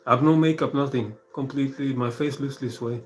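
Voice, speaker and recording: A man, talking alone to a live-stream audience in a soft-spoken, rambling way with many pauses and fillers. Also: medium pitch, fairly even intonation. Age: 40s. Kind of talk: casual live-stream monologue.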